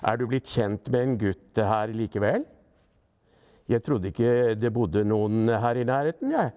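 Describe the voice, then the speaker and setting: Storybook father, calm and mild, voiced by the reader. Low, warm voice. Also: smooth, in a large hall, close to an everyday voice. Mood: puzzled.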